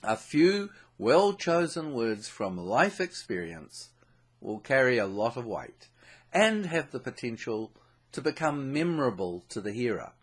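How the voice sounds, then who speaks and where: A man's voice: mid-range voice, very animated, unhurried, husky. A man with a New Zealand accent giving a scripted, earnest lesson on leading worship, stressing key words. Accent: New Zealand English. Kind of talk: scripted instructional narration.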